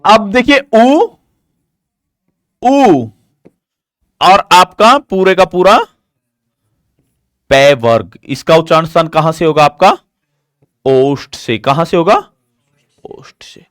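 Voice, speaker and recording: Clean, echo-free studio audio captures a man giving a grammar lesson live online. He moves step by step, answering his own questions in drill fashion, and explains at a slow, careful pace with an animated voice.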